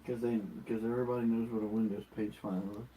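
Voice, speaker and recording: Dry mellow-voiced man with wry quips. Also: lowish voice, flat delivery, fast, slight background noise, low-quality recording. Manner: wry, teasing side remarks. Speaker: co-host.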